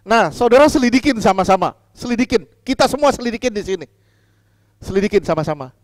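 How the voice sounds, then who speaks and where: A man preaches as pastor with a quick pace and a high, animated voice, putting questions to his listeners and driving key lines home through repetition. He shifts between booming emphasis and soft asides. The recording has studio quality and no echo.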